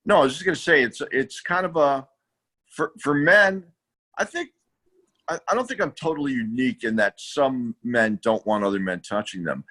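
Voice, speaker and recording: A man's voice: medium pitch, animated, moderate pace, bright, forceful tone. A man co-hosting a casual comedy chat, self-deprecating and stammering through restarts. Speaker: co-host.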